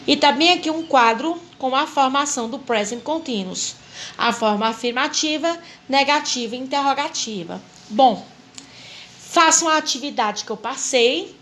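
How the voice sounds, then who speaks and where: A woman with a high voice teaches a recorded English lesson in Portuguese. She goes through each rule patiently, spelling letters out and repeating herself. Faint background noise sits under her voice. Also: fairly bright tone. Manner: patient, spells out rules step by step and repeats them.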